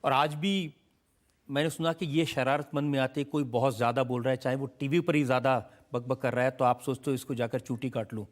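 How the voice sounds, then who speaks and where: A man's voice: medium pitch, steady tone, a little fast. A male host interviewing a guest with teasing, probing questions.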